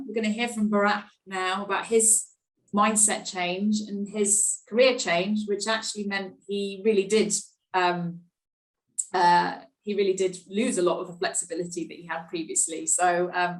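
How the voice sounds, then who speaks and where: A woman's voice: mid-range voice, steady tone, normal speed, echoey room, poor audio. A woman moderating a webinar, running polls and handing over to speakers in a friendly way. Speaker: host.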